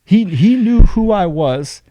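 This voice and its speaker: A young man tells a story as a podcast guest, lively and full of acted-out quotes. His voice is dark and mellow. The sound is dry, close to the mic. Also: sits high, slow pace, dry recording, lo-fi sound. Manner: animated, acts out other people's lines. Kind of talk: casual storytelling.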